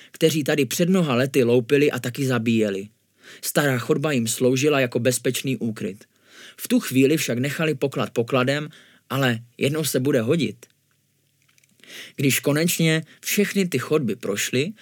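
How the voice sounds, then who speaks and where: A man narrating a children's spooky story in a calm, even storytelling manner. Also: medium pitch, no echo, studio quality.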